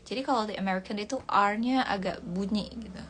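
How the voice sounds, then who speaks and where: A woman's voice: medium pitch, a little fast, a bit bright. A woman teaching English words on a casual livestream, repeating each word and explaining it, her voice dry and cracking. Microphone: phone livestream. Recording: faint background noise.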